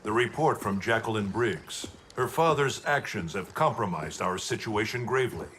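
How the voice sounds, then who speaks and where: An actor playing a grave, wise guardian god in a video game, speaking in a formal, stately way. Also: male voice, on the low side, lively intonation, normal speed, a bit bright, a little hiss or hum. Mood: grave, troubled. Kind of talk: dramatic video game acting.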